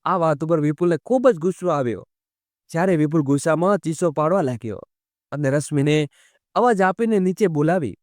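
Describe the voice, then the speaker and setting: A man's voice: a little high, a little mellow, dry recording, studio quality. A man narrating an emotional family story, reading every character's lines in his own storytelling voice. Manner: reads all the characters' lines in the same narrating voice. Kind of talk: scripted narration of a family drama.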